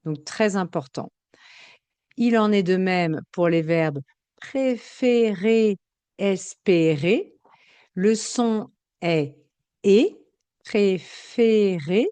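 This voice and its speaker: A woman teaching a grammar lesson, explaining spelling and sounds slowly and carefully, repeating each example. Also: mid-range voice, warm tone, clear, resonant tone, dry recording. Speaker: French teacher.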